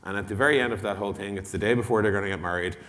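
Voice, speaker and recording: Racing through an informal product talk, a tech executive addresses a conference room casually and bluntly, cursing mildly and acting out dialogue. His voice is lowish and a bit bright. The recording carries long reverb from the big indoor hall's stage.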